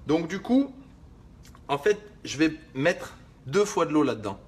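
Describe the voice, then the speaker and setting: A man's voice: a little high, sing-song, measured pace. A man vlogging in a casual, slangy way while making a drink in his kitchen, swearing lightly and rambling with asides to the viewer. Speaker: fitness vlogger. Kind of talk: casual video chat while preparing a drink.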